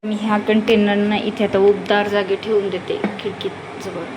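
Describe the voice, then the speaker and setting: A young woman home vlogger chats casually in her kitchen, explaining her cooking step by step in a homely way. Her voice is medium-pitched with little pitch movement at a normal speed, and the home recording has clear background noise.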